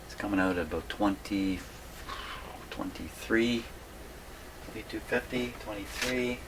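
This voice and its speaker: In a clear recording with background noise, a man with a fairly low pitch speaks at a measured pace. He's casually demonstrating an electronics repair in his home radio workshop for a video, thinking out loud and muttering as he goes.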